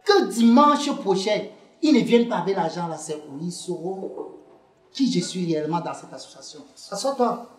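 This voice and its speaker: A woman's voice: medium pitch, lively intonation, normal speed, echoey room, lightly acted. A woman in a comedy sketch, talking in a heated, accusing, commanding way.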